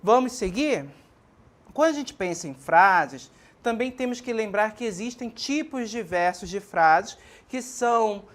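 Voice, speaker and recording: Didactic Brazilian woman teacher. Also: medium pitch. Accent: Brazilian Portuguese. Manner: didactic, frequent checking questions like ok and certo; addresses students warmly as minha gente and pessoal. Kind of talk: televised classroom lesson.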